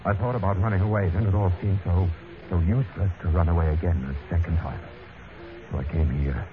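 A man acting a weary, dazed confessor in an old radio drama, with a halting delivery. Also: sits low, close to an everyday voice. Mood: weary relief. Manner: halting, stammering. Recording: thin, tinny old radio recording with music.

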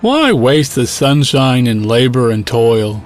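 A man's voice: medium pitch, sing-song, slow pace, soft background music. A man voicing a carefree, chirpy, lazy grasshopper who teases, in a children's cartoon story. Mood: carefree, teasing.

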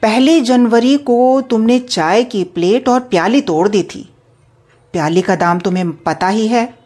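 A woman's voice: a little high, measured pace, darkish tone. Woman voicing a stern scolding male employer. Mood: lecturing. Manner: lecturing, nitpicking, rhetorical questions. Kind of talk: storytelling with acted dialogue.

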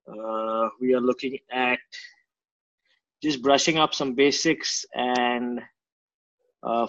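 A man's voice: medium pitch, no room sound. Indian man, dry, slightly dull recording. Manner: informal, blunt, slangy. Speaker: martial arts coach, interview guest. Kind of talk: casual interview chat.

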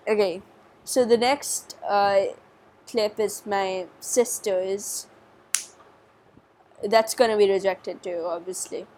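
A woman's voice: medium pitch, fairly even intonation, takes it slowly, long pauses, darkish tone. A young woman hosting a casual family vlog, chatty and playful. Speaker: vlogger.

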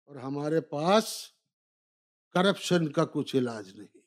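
A man performing humorous verse as a poet at a live recital, declaiming couplets in measured phrases and repeating lines between spoken asides. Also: fairly high pitch, lively intonation. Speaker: humorous Urdu poet performing at a poetry gathering.

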